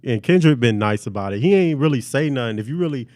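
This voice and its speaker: A man's voice: medium pitch, expressive, fast talker, a little mellow, dry recording. A man hosting a podcast, chatting casually with friends. His talk is playful and slangy, with a hammy storytelling streak. The sound is dry and close, with no room around it. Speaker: podcast host. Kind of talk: casual chat.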